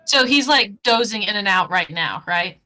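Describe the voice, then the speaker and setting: A woman with a bright voice plays in a tabletop game. She talks in a casual, direct way, firing off questions and saying what her character does. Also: mid-range voice, animated. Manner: casual and direct, asking the dungeon master quick questions. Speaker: player.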